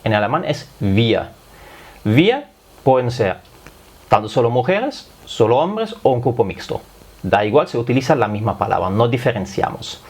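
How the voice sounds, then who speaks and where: A man's voice: mid-range voice, sing-song, moderate pace, slightly rough. A man whose first language is German, speaking Spanish with a slight German accent, patiently teaching a language lesson step by step. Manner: patient, step-by-step explaining with frequent "es decir". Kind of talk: explanatory lesson.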